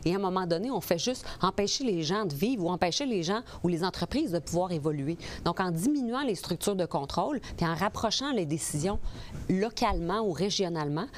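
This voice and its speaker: This woman in her forties, a political candidate from Quebec's Portneuf region, answers interview questions in a Québécois French accent, earnestly and with many hesitations and restarts. Her pitch is fairly low, her delivery animated and fairly quick, and there is slight background noise.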